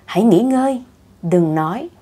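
A woman reading the lines of a wife at her husband's deathbed, speaking in a soothing, hushed way. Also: mid-range voice, lively intonation, moderate pace, husky.

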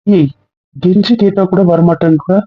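A young man in casual couple banter, scolding and teasing with rapid-fire questions. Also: high voice, steady tone. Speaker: husband in a couple vlog skit. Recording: dull, dry lo-fi audio.

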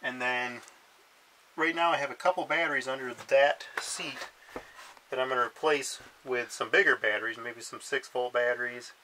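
A man's voice: mid-range voice, fairly even intonation, moderate pace, pushed and bright, a little hiss or hum, low-quality recording. A man explaining, in a practical, matter-of-fact way, how he will fix up an old camper, speaking by and inside it. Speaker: friend describing his repair plans. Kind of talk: casual explanation.

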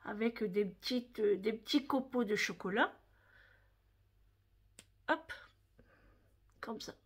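Woman, casual shopping haul vlog, slow unhurried delivery, slightly high voice, chatty and direct with viewers, faint background noise. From France. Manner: chatty, talks straight to viewers, fond of "hein". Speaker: vlogger showing her shopping haul.

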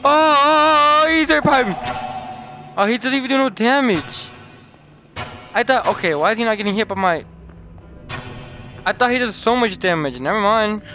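A young man casually commenting while he plays, excitable and talking straight to his viewers, often exclaiming in surprise. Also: a little high. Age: young adult. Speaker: gaming YouTuber. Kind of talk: casual Let's Play commentary.

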